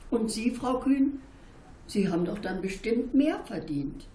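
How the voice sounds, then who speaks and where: A bold, insistent schoolchild from a storybook who keeps demanding answers, as a woman reader puts it on. The voice sits noticeably higher than her own and pushes forward a little louder. A roomy echo hangs around each line. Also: lively intonation, a little slow. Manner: insistent questioning. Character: curious outspoken schoolchild, indignant.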